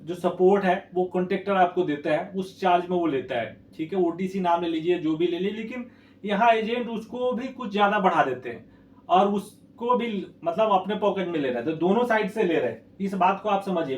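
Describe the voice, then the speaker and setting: A man's voice: high-pitched, fairly quick. A man working as an education consultant speaks to camera. He sounds blunt and scolding, warns viewers and keeps repeating a checking phrase. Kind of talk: warning talk to camera. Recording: echoey room, distant mic.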